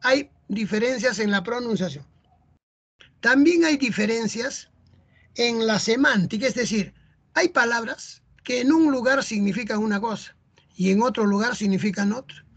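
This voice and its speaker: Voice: mid-range voice, moderate pace, a bit bright, breathy edge. A teacher from Peru with a Peruvian Spanish accent, explaining a lesson in a chatty way, often adding "¿no?" and "¿ah?". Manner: chatty, tags lines with rhetorical "¿no?" and "¿ah?".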